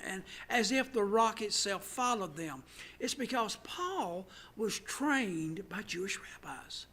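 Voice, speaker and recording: A man, a pastor, teaching a Bible study, stressing words loudly and then dropping to hushed asides. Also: high voice. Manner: emphatic, swings from loud stresses to hushed asides. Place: church.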